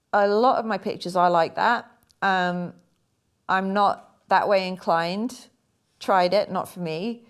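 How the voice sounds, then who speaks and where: A young woman, chatting casually and a bit haltingly about her paintings. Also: lowish voice. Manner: chatty, rambling, hesitant with fillers. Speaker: artist talking through her paintings. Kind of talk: casual chat.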